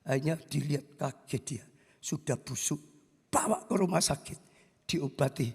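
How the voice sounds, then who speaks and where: Man, pastor, sermon, animated storytelling, husky, long church-hall reverb. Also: on the high side, moderate pace.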